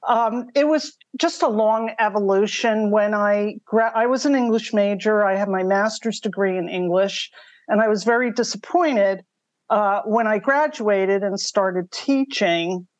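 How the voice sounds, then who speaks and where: A woman's voice: mid-range voice, a little slow, dry recording, lo-fi sound. An older woman telling her story conversationally as a podcast interview guest. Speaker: podcast guest, mystery writer.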